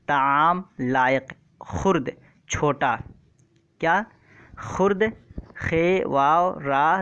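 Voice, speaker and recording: A man with a slightly high voice teaches an online exam-prep vocabulary lesson, repeating terms often and constantly quizzing his viewers. The audio has its highs cut off.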